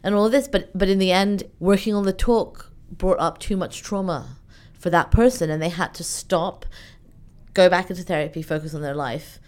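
Woman, interview guest, fairly low voice, lively and chatty, lots of "like" and "you know". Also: normal speed. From Iran, raised in the UK. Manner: animated, chatty, many fillers. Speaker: event organizer, guest. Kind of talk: conversational interview.

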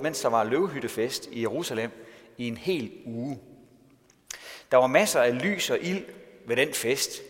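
A male pastor giving a sermon in a storytelling way, asking rhetorical questions. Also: mid-range voice. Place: church. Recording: long church reverb.

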